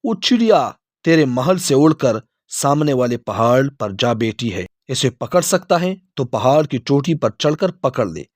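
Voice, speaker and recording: A man's voice: mid-range voice, sing-song, hardly any pauses, no echo, studio quality. A man voicing the sea as a stern speaker scolding a greedy king in a storybook tale. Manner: stern, admonishing.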